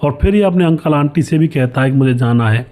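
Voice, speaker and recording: A man telling a story in a relaxed, chatty way, talking to his listeners as friends. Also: fairly high pitch, brisk. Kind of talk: casual spoken storytelling.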